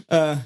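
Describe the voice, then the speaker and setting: A man hosting a casual podcast chat. He laughs often, talks in an easygoing, playful way and tends to ramble and trail off mid-thought. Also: darkish tone. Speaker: host.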